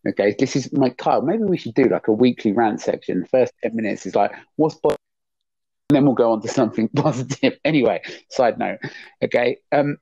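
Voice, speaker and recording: A man's voice: mid-range voice, brisk, warm tone, husky, dry recording. A man co-hosting a podcast, ranting in a rambling, exasperated way with some swearing. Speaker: podcast co-host. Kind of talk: casual podcast chat, ranting. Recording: dull lo-fi dry recording.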